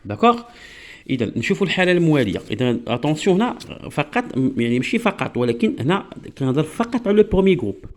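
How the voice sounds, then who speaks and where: A man with a Moroccan accent teaching a French grammar lesson, repeating key words slowly and often asking his listeners to focus. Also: fairly high pitch, sing-song. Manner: keeps urging listeners to focus.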